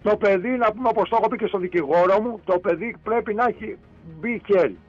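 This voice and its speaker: A husky, somewhat high-voiced man speaks as a grieving father in a TV interview. He retells events haltingly and over and over, and he denies claims with insistent emphasis. The audio is dull and lo-fi, with faint music underneath. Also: darkish tone, no room sound. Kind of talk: television news interview.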